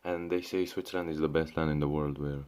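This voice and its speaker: Talking to his camera, a young Syrian vlogger delivers a casual ranting monologue in a very low, darkish, clean voice that stays steady and quick. He stumbles over restarts and fillers, swearing and saying "bro" along the way.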